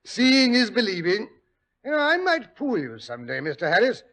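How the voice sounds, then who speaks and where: High-pitched, animated old British Doctor Watson. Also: male voice, normal speed, exaggerated voice. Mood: mock indignant. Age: older. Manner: fussy, old-fashioned, chuckling storyteller. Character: Doctor Watson, genial chatty old English doctor and storyteller. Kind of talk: 1940s radio acting.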